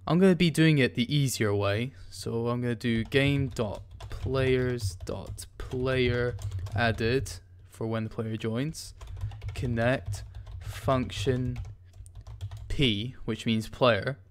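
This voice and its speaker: A man's voice: medium pitch, fairly even intonation, takes it slowly, a little hiss or hum. A man hosting a casual coding tutorial, talking through his screen with many ums and restarts as he types. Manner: casual, hesitant, many ums while typing. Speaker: tutorial host.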